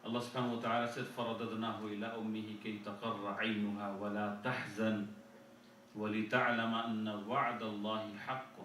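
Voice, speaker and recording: This sermon at an Islamic conference comes from a man with a lowish, slightly bright voice that barely moves in pitch. He earnestly restarts and repeats phrases and recites Arabic verses fast, recorded from a distance in a very echoey mosque hall with a little hiss or hum.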